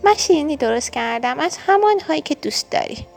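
Woman doing a soft little girl turtle. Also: sits high, animated, gravelly, faint music behind, voice pushed up. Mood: earnest.

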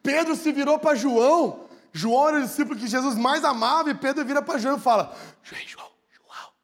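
A Brazilian man preaching with a strikingly high voice. He keeps it conversational and funny, talking straight to the congregation and acting out the scenes. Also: fast talker, a bit bright. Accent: Brazilian Portuguese. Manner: humorous, conversational, acts out scenes. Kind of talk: sermon.

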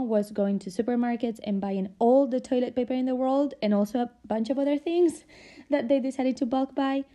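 A woman's voice: mid-range voice, dark tone. A young adult woman hosting a podcast, introducing her guest in a friendly way with frequent ums. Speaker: podcast host.

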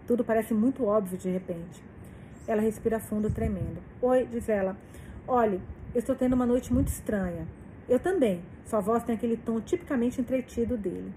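A woman's voice: on the high side, moderate pace, warm tone, slight background noise, low-quality recording. A woman reading a novel aloud, reacting emotionally and swearing between passages. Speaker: book reader.

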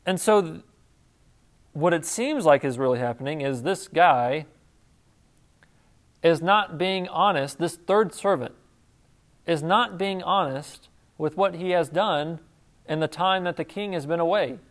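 A man's voice: a little high, unhurried, long pauses. A man preaching an expository sermon, explaining a passage in a conversational way in short phrases. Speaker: pastor.

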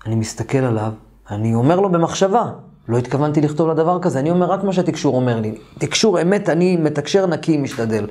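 Lively man telling a story. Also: on the high side. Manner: lively, colloquial, emphatic. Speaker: course teacher. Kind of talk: animated first-person storytelling lesson.

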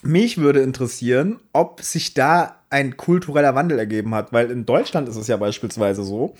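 A man's voice: medium pitch, a little mellow. Young man, casual chat, slangy, ranting, mid-range voice. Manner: slangy, ranting, rapid asides. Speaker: podcast co-host and streamer.

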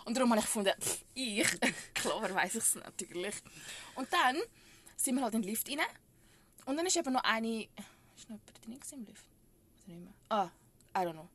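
A woman with a Swiss German accent, co-hosting a podcast and telling a story in casual chat, animated and often laughing. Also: fairly high pitch, fairly quick. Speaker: podcast co-host.

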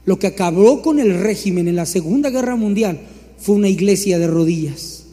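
High-voiced pastor preaching in a hall. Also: male voice, lively intonation, normal speed, dark tone. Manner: emphatic preaching with rising repetitions; acts out voices of others in mocking tones. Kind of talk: sermon. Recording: long hall reverb.

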